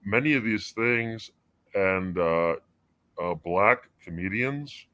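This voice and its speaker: A man in his forties calling in to a talk show through a voice changer that pitches his voice deep. He rambles and halts with many fillers and swears freely. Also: fairly bright tone, dry recording. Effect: deep pitch-shifted voice changer. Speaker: caller. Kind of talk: casual call-in chat.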